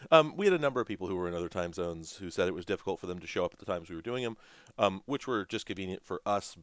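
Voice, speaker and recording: A man's voice: sits low, expressive, fast talker, dry recording. A man in his thirties co-hosting a casual livestream chat, rambling and joking with a ready laugh. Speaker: livestream co-host.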